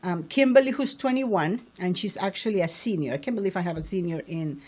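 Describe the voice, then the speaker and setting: A woman's voice: fairly low pitch, brisk, darkish tone. A woman in her forties with a foreign accent, chatting sociably as a guest on a studio talk show. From abroad, not born in the United States. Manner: chatty, sociable, laughs easily. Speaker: guest, entrepreneur. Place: small studio with table mics. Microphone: studio mic on boom arm.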